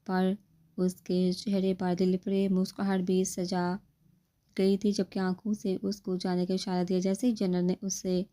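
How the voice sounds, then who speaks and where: A woman narrating a novel in a steady, scripted reading voice. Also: fairly low pitch. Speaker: audiobook narrator.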